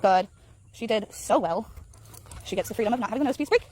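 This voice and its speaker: A woman dog trainer walking a dog in an outdoor park, explaining calmly and praising the dog in high sing-song bursts. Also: fast. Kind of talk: casual vlog narration while training a dog. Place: outdoor park path near geese.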